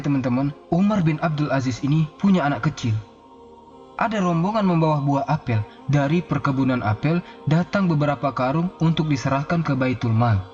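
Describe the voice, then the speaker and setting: A man preaching to a congregation, telling a religious story earnestly and drawing out the Arabic phrases slowly. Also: fairly high pitch, a little mellow. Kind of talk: sermon storytelling. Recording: slightly dull recording with faint music.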